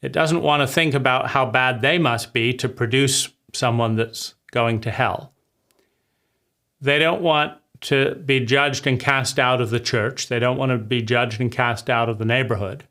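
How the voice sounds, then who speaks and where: A man giving a reflective talk on psychology, often asking "right?" and acting out quoted voices with sudden rises in pitch. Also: steady tone, unhurried, pushed and bright. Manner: acts out quoted voices with big pitch jumps; repeats words and says "right?" often. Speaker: speaker on psychology.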